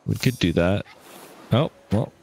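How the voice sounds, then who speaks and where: Man gaming with a friend, low voice, lively pitch, playful jokes, faint game music. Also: measured pace, gravelly, slight background noise. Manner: jokey, playful teasing. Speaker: co-op gaming partner. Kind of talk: casual co-op gameplay chat.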